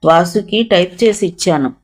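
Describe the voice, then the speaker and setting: A narrator voicing an earnest young woman, a dutiful daughter who speaks calmly and reasons gently but firmly. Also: mid-range voice, moderate pace, close to an everyday voice. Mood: gentle.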